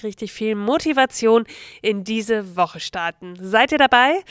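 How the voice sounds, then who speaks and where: A woman's voice: medium pitch, dry recording, clean studio sound. A woman presenting a casual news explainer, talking straight to her viewers with ironic asides. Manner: chatty, ironic asides, frequent "ja".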